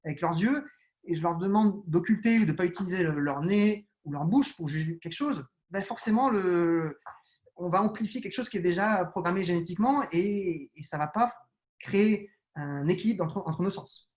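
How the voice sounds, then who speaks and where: A slightly mellow, high male voice at a moderate pace belongs to a neuroscience guest, an adult with children. He answers the interview questions patiently, restarting and hesitating often.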